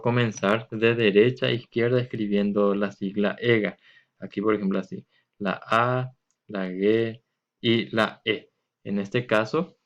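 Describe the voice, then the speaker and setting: Patient male teacher, slow, dull recording. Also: lowish voice. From Paraguay. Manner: patient, stretches words out slowly to show stressed syllables. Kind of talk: recorded classroom lesson explanation.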